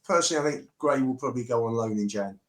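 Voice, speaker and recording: A man with a medium-pitched voice chats in a casual, opinionated way about football. The sound is roomy and echoey. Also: rapid-fire, over a noisy crowd.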